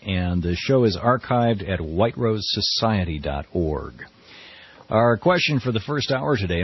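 A man's voice: on the low side, breathy edge. An American man hosting a live talk radio show in a conversational, explanatory way. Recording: dull lo-fi radio recording.

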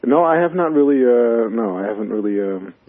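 Guy calling into a radio show, tinny phone sound, kinda husky, lots of uhs. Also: medium pitch, expressive, brisk, no room sound. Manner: hesitant, many ums and uhs. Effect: phone-line caller on a radio show. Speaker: caller. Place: calling from abroad. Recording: thin phone-like line.

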